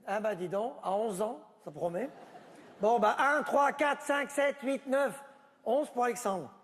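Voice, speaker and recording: In a large hall, a man with a very high, slightly bright voice takes his time through a comedy sketch. Alone on stage, he argues sarcastically with invisible relatives about a board game in this one-man stand-up piece.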